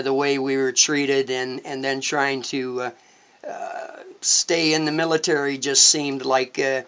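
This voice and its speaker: An older man, a veteran, recalling his service in an interview in a halting, earnest, reflective way. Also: mid-range voice, fairly bright tone, smooth. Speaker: interview guest, war veteran. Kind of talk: reflective personal recollection in an interview.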